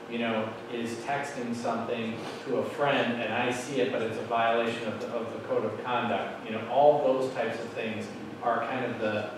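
At a podium in a large meeting room, a middle-aged man with a medium-pitched voice walks a school board through policy updates in a relaxed, explanatory manner full of fillers. As a school administrator giving a meeting presentation, he is heard only through a far-off room mic, so the sound is noisy and heavily echoed.

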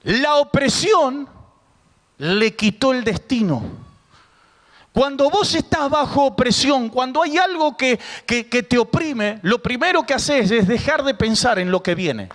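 A man's voice: very high-pitched, expressive, a little slow, fairly bright tone. A man with an Argentine accent preaching a sermon as pastor, emphatic and getting the congregation to repeat words after him. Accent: Argentine Spanish. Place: large church hall. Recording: reverberant church hall.

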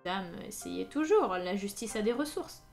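A woman's voice: medium pitch, creaky, faint music behind. Woman playing a wry, unflappable police inspector. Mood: matter-of-fact. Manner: calm, wry, unhurried. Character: unflappable, dry-witted male police inspector.

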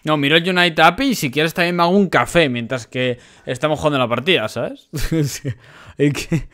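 A man's voice: a little high, a little fast, hardly any pauses, fairly bright tone. A young man from Spain with a Spanish accent, talking casually to viewers as he explains a game build and plays. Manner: chatty, addresses viewers as cracks and chavales. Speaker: gaming YouTuber. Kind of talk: casual gameplay commentary.

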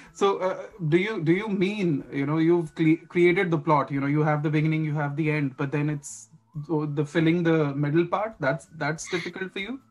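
A man's voice: a little high, steady tone, moderate pace, low-quality recording. A man hosting a podcast interview who asks questions hesitantly, with many fillers and restarts. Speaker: podcast host.

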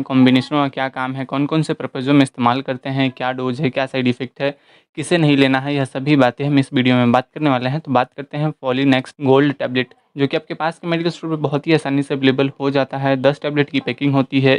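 A man giving an explanatory voice-over as host of an informational channel, listing points one after another at a steady pace. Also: medium pitch, clear, resonant tone, no room sound.

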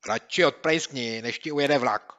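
A man doing a hot-headed schoolboy, loud and excitable. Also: medium pitch, muffled recording, pitched above the performer's own voice, close to an everyday voice. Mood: brash. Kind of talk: audiobook character voice.

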